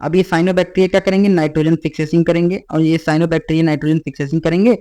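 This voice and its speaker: A man teaching a biology exam-prep lecture. He mixes Hindi with English lines he reads slowly and keeps checking in with "theek hai.". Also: on the high side, steady tone, dark tone. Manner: repeats "ठीक है" as a check-in with students.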